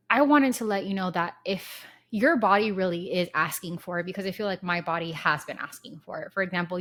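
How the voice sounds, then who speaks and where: A thirtysomething woman, stuffy from a cold that won't quit, chats casually and candidly on her solo podcast, wandering into rambling asides. Her voice is on the low side with a bit of brightness.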